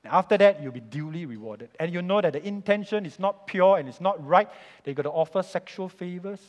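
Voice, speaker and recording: A male pastor with a Singaporean English accent delivers a storytelling sermon, his high voice swinging widely in pitch. He slips into quoted voices of bosses and workers. The sound carries the long echo of a large church hall.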